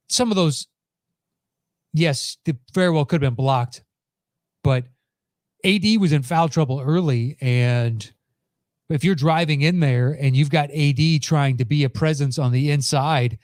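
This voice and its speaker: A man's voice: mid-range voice, darkish tone, no room sound, studio quality. A man hosting a sports podcast with blunt, conversational, casual commentary.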